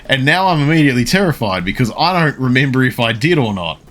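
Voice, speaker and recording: A man streaming a video game live, talking casually and answering his chat with frequent pauses to think. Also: medium pitch, very animated, fairly bright tone. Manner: responds to chat messages, pausing often to think.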